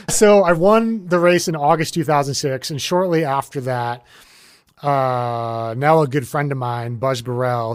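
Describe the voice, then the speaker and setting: Relaxed rambling man, dry close sound. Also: mid-range voice, dry recording. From United States. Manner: relaxed and rambling, many fillers and restarts. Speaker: guest, ultrarunner. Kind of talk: casual interview conversation.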